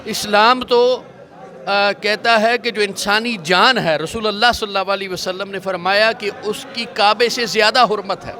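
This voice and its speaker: A male religious scholar answering a reporter outdoors, speaking in a measured preaching cadence and citing scripture. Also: high-pitched, steady tone, pushed and bright. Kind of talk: street interview answers.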